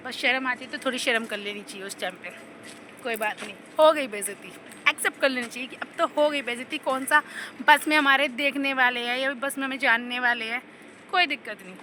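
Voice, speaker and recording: A woman's voice: high-pitched, brisk, slight background noise. A young woman chatting casually in her vlog, rambling through funny personal stories with a slight cough. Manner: rambling, animated, laughs while telling stories. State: slight cough and sore throat. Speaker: vlogger.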